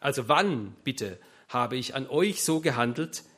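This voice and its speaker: A man's voice: mid-range voice, expressive, unhurried, a bit bright. A man voicing an older male economics professor who politely and earnestly protests.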